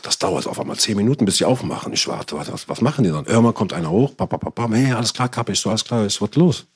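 Talking fast in a slightly rough, lowish voice, this man shares an anecdote over casual conversation. He's slangy and lively, voices other people's lines himself, and insists he's not lying.

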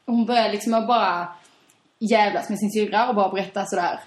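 A woman in casual conversation, telling a story in an animated way and laughing often. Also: medium pitch. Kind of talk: casual chat. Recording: roomy echo.

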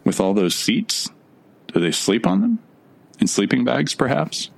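A man's voice: medium pitch, huge pitch swings, a little slow, vocal fry, exaggerated voice. A man playing a bewildered, awkward newcomer who speaks in a nervous, sarcastic way in an audio drama. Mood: baffled. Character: bewildered, awkward young man newly arrived.

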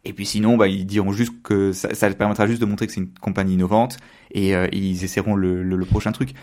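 A man chatting casually on a podcast, rushing through ideas with frequent restarts. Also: on the low side, little pitch movement, darkish tone. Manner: rapid talk with restarts and stammers. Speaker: podcast co-host.

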